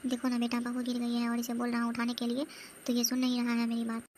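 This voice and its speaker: A woman voices a cartoon's sharp-tongued mother-in-law. She speaks firmly and scolds in a fairly high, flat voice, with light noise behind it. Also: fast talker, natural voice. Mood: urging. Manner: firm and scolding. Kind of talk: cartoon comedy voice acting.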